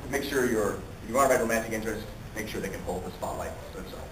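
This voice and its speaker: A man speaking at a fan convention panel, animated and profane, laughing often and acting out quotes, recorded in an echoey hall from far off. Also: lowish voice, fast talker, heavy background noise.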